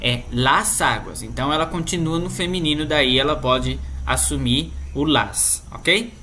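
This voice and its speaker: A Brazilian Portuguese-accented man teaches a grammar lesson in a patient, explanatory way. His voice sits a little high and sounds bright and forceful. He keeps checking in with short tag questions. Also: measured pace, slight background noise. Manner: patient, explanatory, tags sentences with "né?". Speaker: Spanish teacher.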